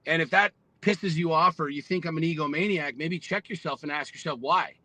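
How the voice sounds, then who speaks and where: A man's voice: on the high side, fairly quick, bright, forceful tone, no echo, low-quality recording. A man in his forties, a podcast guest, talking bluntly and with lots of profanity in a fired-up, motivational way. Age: 40s. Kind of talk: casual podcast conversation.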